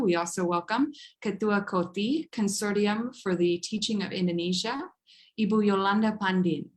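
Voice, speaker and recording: Young american woman hosting a formal event, reads out titles carefully, mid pitch. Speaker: event host.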